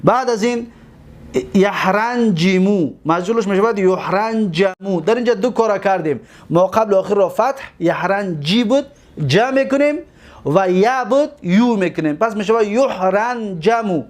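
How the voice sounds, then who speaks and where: High-pitched guy teaching grammar, rattling off verb lists in a steady chant. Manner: recites rapid memorized verb lists in a steady drone, pausing to explain. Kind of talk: recorded lesson recitation.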